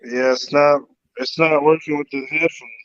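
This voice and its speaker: A man talking in an easygoing, halting way as a guest on a casual interview, heard over a choppy phone video-call connection that cuts out. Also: fairly high pitch, fairly even intonation, fairly bright tone. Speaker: guest, python breeder. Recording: dull lo-fi phone audio cutting out.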